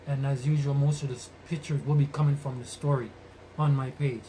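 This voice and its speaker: The noisy, distant live-stream audio carries a man with a mid-range, mellow voice talking fairly quickly in a level tone. Hosting his casual podcast, he uses Rasta-style speech, blesses his community, and repeats phrases for emphasis while moving around away from the mic.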